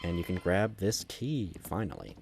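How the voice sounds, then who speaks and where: Low-voiced man giving casual game commentary. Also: sing-song, moderate pace, vocal fry, darkish tone, soft background music. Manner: rambling, self-correcting, conversational. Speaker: gameplay commentator.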